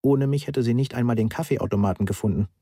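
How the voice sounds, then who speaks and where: A man voicing a socially odd, literal-minded student in an audiobook, pedantic and deadpan. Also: mid-range voice, fast talker, dry recording, clean studio sound, close to an everyday voice. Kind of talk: audiobook character voice.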